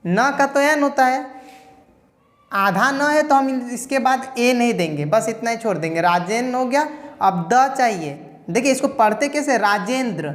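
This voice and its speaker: Woman, fairly high voice, spelling lesson, asks and answers own questions, reverberant room. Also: expressive, measured pace. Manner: checks in with repeated "okay". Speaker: English teacher.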